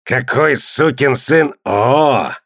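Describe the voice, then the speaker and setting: A man voicing a big, brawling male warrior in an audiobook, shouting battle cries. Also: medium pitch, lively intonation, very slow, heavily acted. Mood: roaring.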